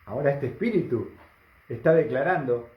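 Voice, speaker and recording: Emphatic pastor in a roomy hall. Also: male voice, medium pitch, lively intonation, moderate pace. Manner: emphatic preaching, frequent rhetorical questions to the congregation. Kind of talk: sermon. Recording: roomy, slightly dull recording.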